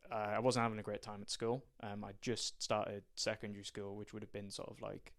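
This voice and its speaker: Speaking a little fast in a fairly low, level voice, this young County Durham man is a strength and conditioning coach appearing as a guest on a casual podcast. He describes his background haltingly, with plenty of ums and false starts, and he comes from County Durham in England.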